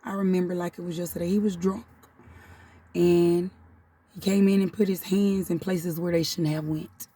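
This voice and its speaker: A woman in her thirties speaks in a low, husky, mellow voice with very little rise and fall, fighting back tears as she talks to her viewers. Her tone is casual and heartfelt, and she keeps calling them "y'all". She sits a little back from the mic, so the sound is slightly distant. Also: level tone, moderate pace. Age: 30s. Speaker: spiritual channel host. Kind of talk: personal confessional vlog.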